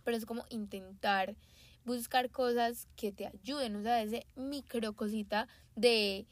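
Relaxed woman podcast co-host. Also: on the high side, unhurried, dry recording. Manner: relaxed storyteller, leans on "literal" and "o sea". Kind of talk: casual podcast chat.

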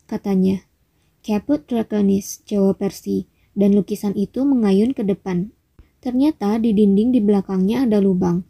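Gravelly dark-voiced woman narrator. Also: mid-range voice. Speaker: audiobook narrator. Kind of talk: audiobook narration.

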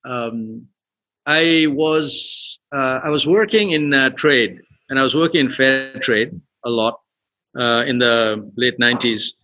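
A Nepali-accented man from western Nepal, the founder of a tour company, talks conversationally as a podcast guest. His medium-pitched voice is slow, pushed and bright, and the recording is dry despite the dull, lo-fi connection.

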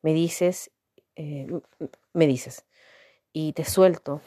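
Female reader doing a blunt lonely young woman, low mellow voice, candid and halting, storybook reading. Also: fairly even intonation, dry recording, studio quality. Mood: wistful. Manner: candid, musing, hesitant restarts.

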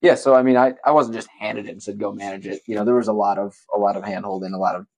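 A man's voice: fairly low pitch, racing, dry recording, rough recording. A man from Wisconsin, a podcast guest, telling stories casually with lots of fillers and easy laughter. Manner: relaxed, chatty, laughs often, many fillers like "you know" and "like". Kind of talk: casual conversational storytelling.

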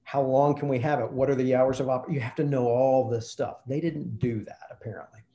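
A man's voice: medium pitch, steady tone, a little fast, mellow, muffled recording. A man, a film director, telling a behind-the-scenes anecdote in an interview and acting out the quoted exchanges. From Kentucky. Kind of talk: storytelling interview chat. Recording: roomy echo.

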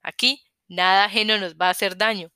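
Tall, unflappable male soldier, voiced by a woman, matter-of-fact and crisp, in a storybook reading. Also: mid-range voice, fairly even intonation, fairly quick, sharp tone, no echo, studio quality, natural voice. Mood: calm. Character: tall male soldier with glasses, calm, detached.

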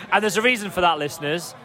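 A man's voice: high-pitched, sharp tone. A man hosting casual group banter, teasing the others as he puts questions to them. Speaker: quiz host.

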